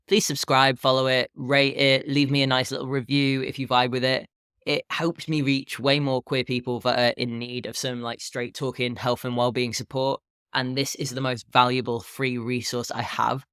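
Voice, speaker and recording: Smooth low morning voice, man in his thirties. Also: fairly bright tone, no room sound, studio quality. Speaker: podcast host and health and fitness coach. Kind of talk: casual solo podcast talk.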